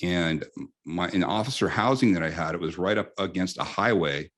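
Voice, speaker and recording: Deep-voiced man telling animated stories. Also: fairly quick. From United States. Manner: animated anecdotes with frequent restarts. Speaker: interview guest. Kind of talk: casual storytelling in an interview.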